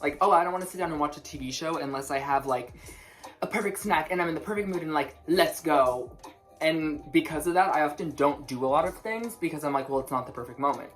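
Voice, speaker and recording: A young woman with a slight lisp, chatting to camera at home in a rushed, rambling way, often stumbling over her words, with faint music behind her. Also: low voice. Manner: rushed, rambling, self-interrupting, stutters. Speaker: musician vlogger. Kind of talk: casual chat to camera.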